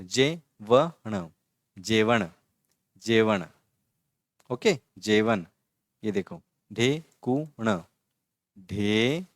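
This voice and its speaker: A man of ordinary pitch teaches an online language lesson in a relaxed, chatty way. He breaks words into single syllables, says them slowly, and keeps asking whether the viewer follows. The sound is dry and close, with no room echo. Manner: often asks checking questions.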